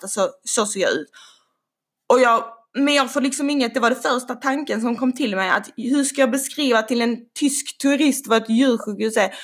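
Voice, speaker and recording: A young woman telling a story casually, animated and swearing now and then. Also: a little high, husky. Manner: animated, swearing, acts out quotes.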